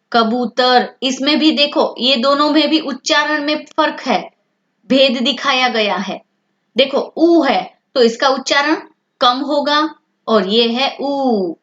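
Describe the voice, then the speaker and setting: Slow, patient woman teacher. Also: high voice, fairly bright tone. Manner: asks questions and answers them herself. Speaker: language teacher. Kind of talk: explaining a language lesson to children. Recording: dull lo-fi sound.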